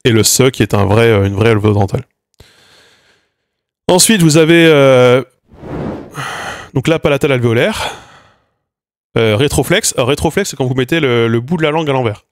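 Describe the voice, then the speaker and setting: A man's voice: medium pitch, lively intonation, moderate pace, pauses often, no room sound, clean studio sound. Chatty man demonstrating speech sounds. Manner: hesitant, many fillers and restarts, demonstrates sounds aloud. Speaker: linguistics streamer. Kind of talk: casual explanatory lesson.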